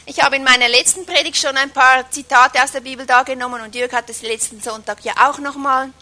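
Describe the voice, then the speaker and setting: A woman preaching a sermon with strong emphasis, swinging from loud stresses down to whispers and slowing on key phrases. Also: high-pitched, steady tone. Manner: emphatic, varies loudness a lot, drops to a whisper at times.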